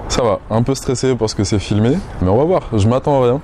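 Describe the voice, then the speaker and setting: A man in his twenties with a calm, steady voice, chatting on a city street. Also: mid-range voice, a little fast, slight background noise. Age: 20s. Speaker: participant in a street flirting challenge.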